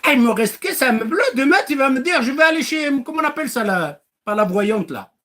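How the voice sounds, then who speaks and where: A man's voice: very high-pitched, lively intonation, a little fast, fairly bright tone. A man preaching to listeners in French, acting out little dialogues, firing rhetorical questions and mocking now and then. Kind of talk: animated religious talk.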